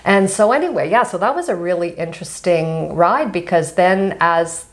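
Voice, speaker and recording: A woman's voice: on the low side, lively intonation, moderate pace. An older woman, telling personal stories casually as a podcast guest. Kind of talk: casual conversational storytelling.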